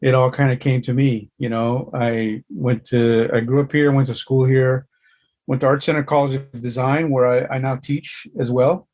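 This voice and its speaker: A man's voice: mid-range voice, steady tone, moderate pace, darkish tone, highs cut off. A middle-aged man from Los Angeles, a concept artist guest in a casual interview, animatedly retelling a story and voicing his character's thoughts. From Los Angeles, USA.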